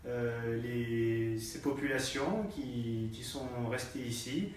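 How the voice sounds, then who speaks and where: A man's voice: mid-range voice, slow pace, slight background noise. Male activist, stumbling delivery, distant echoey recording. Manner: hesitant, many fillers and repeated words. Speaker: party activist. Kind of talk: live political discussion. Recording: distant echoey room sound.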